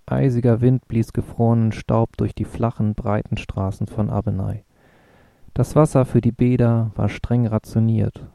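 A man narrating an audiobook in a steady storytelling manner. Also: medium pitch, creaky, no room sound, studio quality. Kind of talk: audiobook reading.

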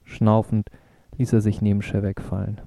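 A man reading a novel aloud as a narrator, in a steady, measured way. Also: fairly low pitch, creaky, no echo, clean studio sound. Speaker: audiobook narrator. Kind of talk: scripted narration.

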